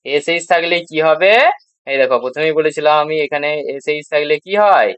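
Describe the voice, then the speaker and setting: A man's voice: fairly high pitch, brisk, a bit bright, smooth, no echo. A man teaching English grammar to beginners, with a Bengali accent, spelling out word endings and answering his own questions. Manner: asks rhetorical questions and answers them, repeats spelled letters. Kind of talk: classroom grammar lesson.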